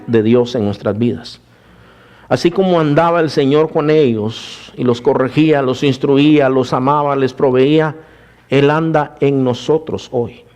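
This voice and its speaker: This man's voice sits on the high side as he preaches, addressing the congregation as "brothers." A pastor, he weaves his own testimony into the sermon, moving from raised preaching to hushed storytelling.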